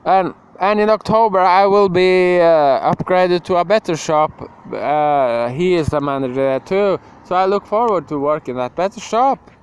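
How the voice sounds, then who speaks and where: A man's voice: sits high, animated, moderate pace, clean tone, muffled recording. A young man rambling emotionally to the camera in a casual monologue, breaking into laughs and sudden outbursts. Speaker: vlogger.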